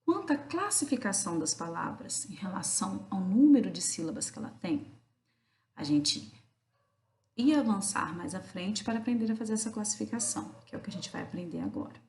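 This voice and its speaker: A woman teaching a recorded lesson for children, patiently asking and answering her own questions and spelling out syllables slowly. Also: mid-range voice, sing-song, a little mellow. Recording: roomy echo.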